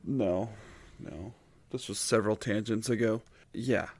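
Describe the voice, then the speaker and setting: A man's voice: lowish voice, unhurried, a little mellow, husky, dry recording. A man co-hosting a podcast, laid-back and dry, in casual chat. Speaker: podcast co-host.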